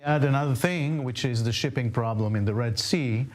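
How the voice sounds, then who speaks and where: A man's voice: medium pitch, moderate pace, darkish tone, a little hiss or hum. Guy hosting a news show, short casual questions. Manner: brief, conversational questions. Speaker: news anchor.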